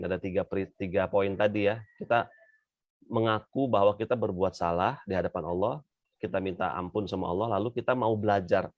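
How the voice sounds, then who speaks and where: A man's voice: lowish voice, no room sound. A man giving a casual spoken religious lesson, chatty and full of tag fillers, addressing his listeners directly. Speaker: religious teacher. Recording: dry, slightly dull audio.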